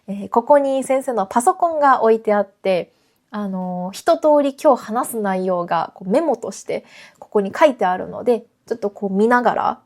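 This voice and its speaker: A woman teaching her language on a relaxed podcast, explaining points clearly and in a friendly way while glancing at her notes. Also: mid-range voice, moderate pace. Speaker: Japanese teacher. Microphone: camera framing, reading notes beside it.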